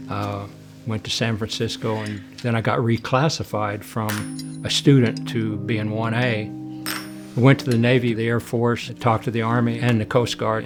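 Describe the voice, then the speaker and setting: Older man, gravelly voice, flat even tone, retired colonel, casual storytelling, music bed. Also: medium pitch. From Oklahoma and Oregon, USA. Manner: plain, even-toned recollection with fillers. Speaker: retired Marine colonel, interview guest.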